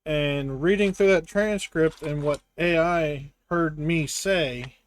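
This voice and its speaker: A man with a Southern US accent and a fairly high voice talks slowly while putting together a brick set on a live stream. His casual chatter rambles along, wry and self-deprecating.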